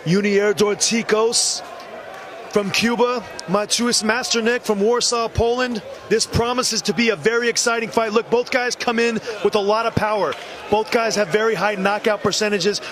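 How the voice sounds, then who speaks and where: A man's voice: sits high, fairly even intonation, normal speed. A man giving live boxing commentary as an analyst at a fight. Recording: loud arena crowd noise. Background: roaring crowd.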